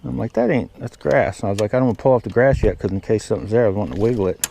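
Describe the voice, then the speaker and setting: A man's voice: on the low side, expressive, very fast, creaky, dark tone. A man chatting casually and folksily while fishing outdoors from a boat. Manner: folksy, colloquial. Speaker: angler hosting a fishing vlog. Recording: noisy outdoor recording.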